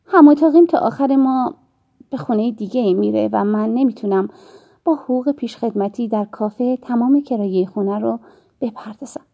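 A woman narrator voicing a friendly young woman stranger in an audiobook, speaking softly and low. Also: gravelly, highs cut off. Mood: gentle. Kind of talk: audiobook character reading.

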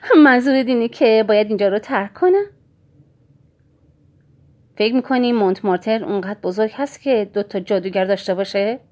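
A woman's voice: on the high side, fairly even intonation, few pauses, a little mellow, breathy edge, pitched above the performer's own voice. A woman voicing a distressed mother, a witch who accuses and defies her rival in strained, rising tones. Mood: defiant.

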